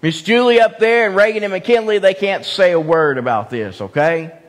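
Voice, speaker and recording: High-voiced pastor in a reverberant church. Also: male voice, moderate pace. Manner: emphatic, repeats key phrases, asks the congregation questions. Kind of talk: evening sermon. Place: church sanctuary.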